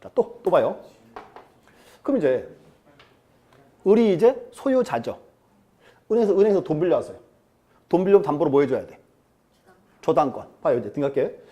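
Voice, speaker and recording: The recording is muffled: a male real estate law lecturer with a slightly high, mellow voice, big pitch swings, a moderate pace, and frequent pauses. He teaches in a chatty way, quizzing students and acting out quotes.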